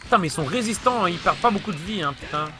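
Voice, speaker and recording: A young man commenting on his own fighting game play, swearing and yelling at the screen, then muttering. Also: high voice, expressive, racing. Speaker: let's play gamer. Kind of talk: frantic let's play commentary. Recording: game music behind the voice.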